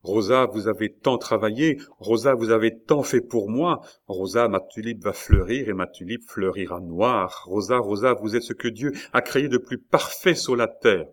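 A man with a low voice playing a passionate, excitable young prisoner in an audiobook, talking fervently and eagerly. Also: moderate pace, few pauses. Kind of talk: audiobook character reading.

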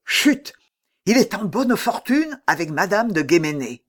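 A reader voicing a bold young male musketeer who gives brisk orders. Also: medium pitch, big pitch swings. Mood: commanding.

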